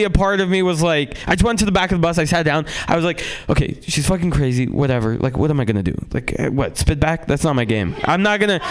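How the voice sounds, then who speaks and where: A man doing a rambling, profane stand-up comedy set on a club stage, swinging between loud outbursts and low mutters. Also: slight background noise. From San Francisco, USA.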